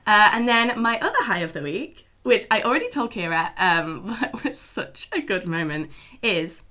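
A British woman in her twenties with a hoarse, froggy, lost voice, chatting casually and self-deprecatingly as a podcast co-host. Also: medium pitch, lively intonation, moderate pace, bright, forceful tone. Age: 20s. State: hoarse, froggy, worn-out voice from losing it.

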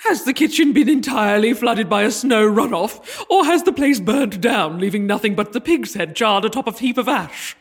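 Husky, melodramatic, haughty queen. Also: mid-range voice, sing-song, slow, exaggerated voice. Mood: imperious.

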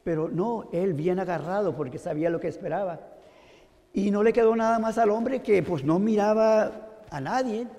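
A man with a high, gravelly voice delivers a sermon, often turning to his listeners with rhetorical questions as he tells a story. His voice carries a long reverb, as if he is recorded in a large hall. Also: normal speed, dark tone. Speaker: preacher.

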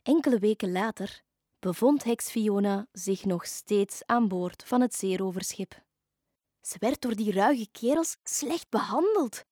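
A woman reading a children's story aloud in an expressive, lively way. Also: medium pitch, unhurried, no echo, clean studio sound. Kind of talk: scripted storybook narration.

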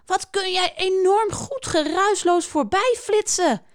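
Woman doing a gentle, hesitant turtle for a children's story, raised pitch. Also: big pitch swings, a little slow, no room sound, studio quality. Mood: earnest. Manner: earnest, hesitant and wondering. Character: gentle shy male turtle.

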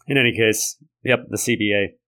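A man hosting a sports podcast solo, talking analytically and conversationally in a gravelly voice left raspy by a lingering cold. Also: on the low side, moderate pace, bright, forceful tone. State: raspy from a lingering respiratory infection. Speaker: podcast host. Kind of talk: sports commentary monologue.

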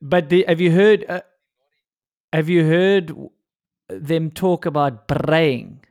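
A male interviewer with a South African accent talks in a casual, conversational style. His voice sits somewhat higher than most men's. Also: slow, darkish tone. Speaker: podcast host interviewer.

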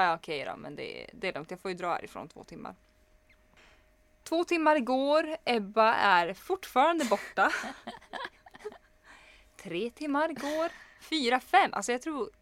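A woman's voice: on the high side, no room sound. A young woman chatting casually as a podcast co-host. She tells stories with energy and acts out every person in them. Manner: animated storyteller who plays both sides of a scene.

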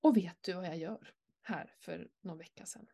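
Speaking in a low-ish, gravelly voice, a middle-aged woman shares a heartfelt personal story in frank, casual conversation. She swears a lot and bursts out animatedly.

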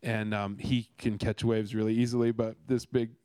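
A man's voice: fairly low pitch, flat delivery, moderate pace, mellow, clean tone, no echo. A man from Canada giving a casual devotional talk, earnest and rambling, with many restarts and fillers. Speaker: speaker sharing a devotional.

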